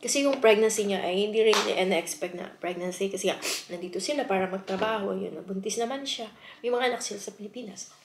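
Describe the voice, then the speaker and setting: Heartfelt Filipina vlogger in an echoey room. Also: female voice, mid-range voice, fast, noisy background. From Philippines. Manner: chatty and heartfelt, mixing in English, often saying "guys". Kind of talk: casual vlog talk to viewers. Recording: roomy echo.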